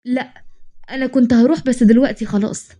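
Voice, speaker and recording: A woman's voice: on the high side, fairly even intonation, quick pace, lightly acted. A woman voicing a stubborn, proud young woman, speaking with an Egyptian accent, pleading and prickly by turns. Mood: irritated. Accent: Egyptian Arabic. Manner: pleading then sharp and irritated.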